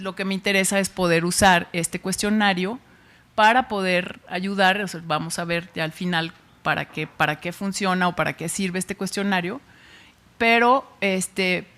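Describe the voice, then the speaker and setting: A woman's voice: on the low side, normal speed, a bit bright. Chatty Mexican woman giving a talk. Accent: Mexican Spanish. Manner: chatty, with frequent fillers and restarts. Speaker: researcher giving a public science talk. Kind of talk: informal public lecture.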